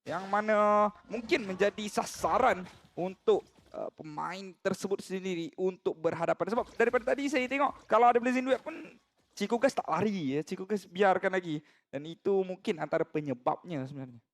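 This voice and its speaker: High-pitched Malaysian man commentating esports. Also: a little fast, dry recording. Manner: excitable, repeats short exclamations. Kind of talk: live play-by-play and analysis commentary.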